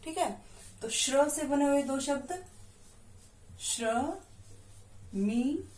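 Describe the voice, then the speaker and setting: Slow, patient woman teacher in an echoey room. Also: high voice, darkish tone. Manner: patient, stretches out syllables and quizzes the listener. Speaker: primary school teacher. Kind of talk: classroom lesson.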